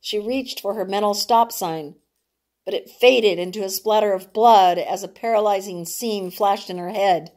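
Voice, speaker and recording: As its author, a woman narrates her novel deliberately and dramatically, occasionally tripping over words. She speaks in a mid-range, a little mellow voice.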